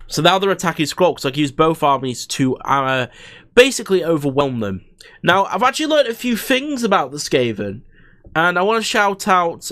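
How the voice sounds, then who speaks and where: A man's voice: on the high side, a bit bright, dry recording. A young man giving rambling, casual commentary on a strategy game he is playing, talking close to a desk microphone with lots of fillers and restarts. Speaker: gaming YouTuber. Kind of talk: casual let's-play commentary. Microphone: desk microphone in front of him.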